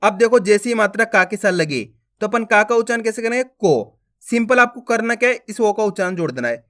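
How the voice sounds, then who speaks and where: A man leads a beginner lesson on Hindi letters. He draws out each syllable slowly and calls it out loudly, then checks with the viewer whether they have understood. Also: sits high, expressive. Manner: slow, drawn-out syllable drills with questions to the viewer. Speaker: Hindi teacher.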